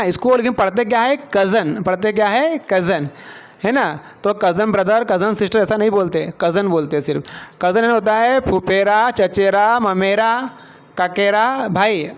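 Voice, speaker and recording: A man's voice: high voice, clean tone. A man from India, teaching a vocabulary lesson and often quizzing the class with repeated questions. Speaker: English teacher.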